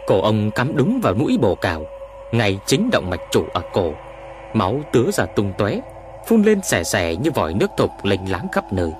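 Male horror story narrator, low voice, lively swings in pitch, dramatic scripted reading. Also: moderate pace, slight background noise.

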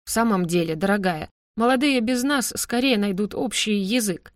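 Woman doing a gallant older gentleman. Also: mid-range voice, normal speed, no echo, clean studio sound, natural voice. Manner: courteous, indignant.

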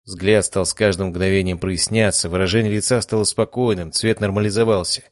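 A man narrating an audiobook in a steady, even storytelling manner. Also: low voice, fairly quick, no room sound, clean studio sound.

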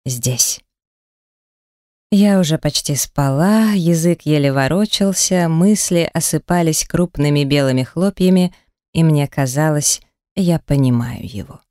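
A woman narrating a first-person romance audiobook in an intimate, breathy manner on a close studio mic. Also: low-pitched, moderate pace, dark tone, dry recording.

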